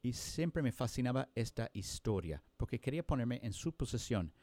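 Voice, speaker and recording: A man telling a story during a sermon, earnest, with frequent pauses and restarts. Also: mid-range voice, big pitch swings, dark tone, no echo. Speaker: preacher.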